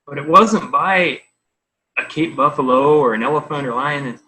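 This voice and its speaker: A man's voice: a little high, moderate pace, sharp tone, a little hiss or hum, rough recording. A man chatting casually in a teasing way. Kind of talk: casual chat.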